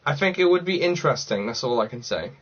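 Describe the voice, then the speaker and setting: This Cardiff livestreamer talks fast and animatedly in a slightly high, fairly bright voice. He answers viewer comments in a chatty, rambling way, thinking aloud as he goes. The recording has a slightly dull lo-fi sound.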